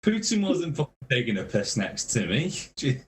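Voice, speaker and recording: A man's voice: medium pitch, sing-song, moderate pace, a little hiss or hum. A man, a touring metal musician, telling rambling, swear-filled tour stories on a podcast. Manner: rambling, swears constantly, laughs through his stories. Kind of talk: casual storytelling on a podcast.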